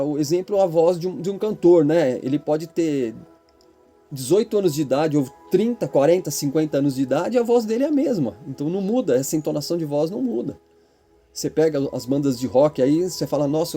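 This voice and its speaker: A middle-aged Brazilian man talking to his channel's listeners in a reflective, rambling monologue, often tagging his sentences with a questioning "né?" and pausing on filler sounds. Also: fairly high pitch, dark tone. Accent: Brazilian Portuguese. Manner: rambling, keeps adding the tag "né?" and filler "é". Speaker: channel host.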